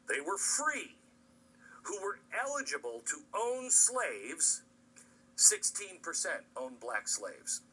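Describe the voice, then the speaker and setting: An American man with a husky voice presenting opinionated commentary, emphatic and sarcastic, with dramatic pauses and rhetorical questions. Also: a little high, bright, forceful tone, recorded from a distance, rough recording. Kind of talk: opinionated commentary to an audience, part scripted, part ad-libbed.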